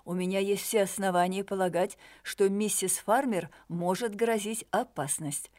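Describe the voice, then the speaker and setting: Give me a woman reading a determined detective in an audiobook, insistent and measured. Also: medium pitch, a little mellow, lightly acted.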